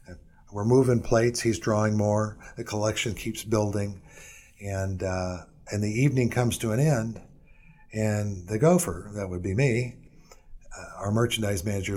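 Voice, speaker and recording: Rambling low-voiced man telling stories. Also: darkish tone. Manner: rambling, hesitant, many fillers and restarts. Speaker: interview guest. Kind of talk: casual storytelling interview.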